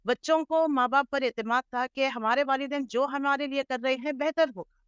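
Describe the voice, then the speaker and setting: A middle-aged woman from Hyderabad, India, telling her life story as an interview guest in a measured, earnest way. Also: sits high, steady tone, dry recording, clean studio sound. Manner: measured, earnest storytelling with English words mixed in. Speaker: interview guest, Islamic scholar.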